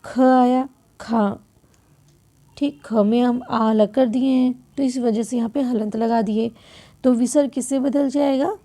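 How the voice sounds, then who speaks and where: A woman teaching a grammar lesson step by step, posing questions and answering them herself, often clearing her throat and correcting herself. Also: a little high, fairly even intonation, normal speed, warm tone.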